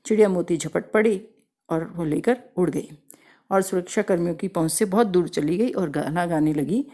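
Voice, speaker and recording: A woman telling a folk tale aloud, unhurried, acting out the characters' lines with a few small restarts. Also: on the low side, dark tone. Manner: unhurried storytelling with acted dialogue and small restarts. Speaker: storyteller.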